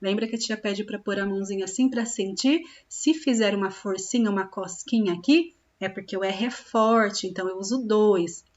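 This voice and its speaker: A woman teaching young children, slowly drawing out syllables and often checking in with them. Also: medium pitch, a little mellow, lo-fi sound. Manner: slow, drawn-out sounding of syllables, with frequent check-in questions. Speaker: primary school teacher. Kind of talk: recorded classroom lesson for young children.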